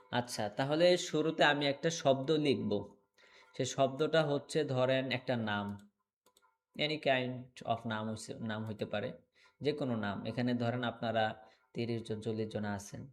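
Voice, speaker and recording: A male teacher giving an online English lesson, taking his time over every word at an unhurried pace. He repeats himself patiently and keeps asking whether the class follows, with the clack of keyboard typing now and then behind him. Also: medium pitch. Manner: slow, repetitive, checks understanding often.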